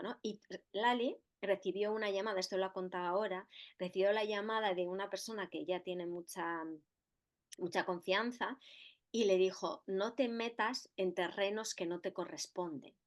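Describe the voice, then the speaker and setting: Rambling woman podcast co-host. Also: medium pitch. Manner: rambling, many fillers and tag questions. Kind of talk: reflective casual conversation.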